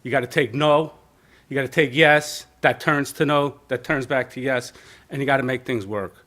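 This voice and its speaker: A man's voice: medium pitch, fairly even intonation, moderate pace, fairly bright tone. A man giving an informal nominating speech at a local caucus meeting, mixing in joking asides with plainspoken emphasis. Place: community center meeting room.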